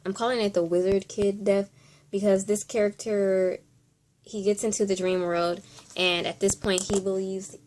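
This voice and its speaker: A woman's voice: mid-range voice, a little hiss or hum. Chatty woman hosting a top ten countdown. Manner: chatty and informal, thinking aloud. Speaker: video host.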